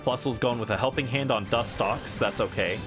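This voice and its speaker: A man's voice: medium pitch, normal speed, over music. A man streaming a video game with casual, playful commentary. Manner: playful, voices game characters aloud.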